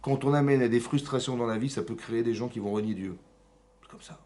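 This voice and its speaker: A man teaching a Torah class in a synagogue, lively and often checking in with his listeners. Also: mid-range voice, fast talker. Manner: lively, asks frequent check-in questions, mixes Hebrew terms. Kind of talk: animated Torah lesson with questions to the audience.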